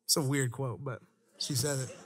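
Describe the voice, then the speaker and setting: A man's voice: mid-range voice, normal speed, breathy edge. A man preaching a sermon to young adults, chatty and laughing at his own stories, then rising into an emphatic preaching cadence.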